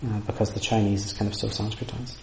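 Speaking fast with vocal fry and a level tone, a man with a lowish voice lectures informally on Sanskrit texts and takes audience questions. He is thoughtful but full of restarts and hedging fillers, and the roomy recording has slight background noise.

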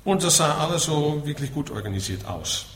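In an echoey room with a little background noise, a middle-aged Dutch-accented man from the Netherlands explains Buddhist teachings to an audience, tagging his points with a quick questioning word. His pitch runs high and sing-song, his delivery fairly quick and a touch bright.

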